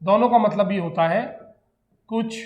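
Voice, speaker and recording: A man with an Indian accent teaching English grammar in a classroom lecture, explaining in Hindi and reading English examples slowly. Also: sits high, roomy sound, highs cut off.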